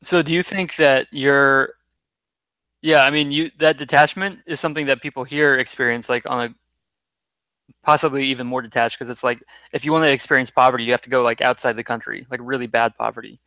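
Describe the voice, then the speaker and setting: Bright, crisp-voiced man hosting an interview. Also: medium pitch, steady tone, fairly quick, no echo. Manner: friendly, rambling questions with restarts. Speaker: interview host, former teacher. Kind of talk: casual video-call interview.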